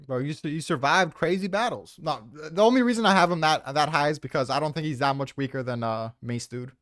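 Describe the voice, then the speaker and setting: In a casual, swear-laden argument about manga character rankings, this tier list maker stands by his placements. His voice is a little high, fast and a bit bright, recorded dry at studio quality.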